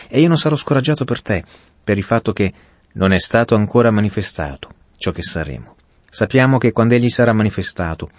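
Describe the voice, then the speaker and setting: An earnest male preacher with a low voice, delivering a Bible sermon and speaking straight to the listener. The recording is dry and close, with no room sound. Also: a little mellow, no room sound. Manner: earnest, addresses listener directly.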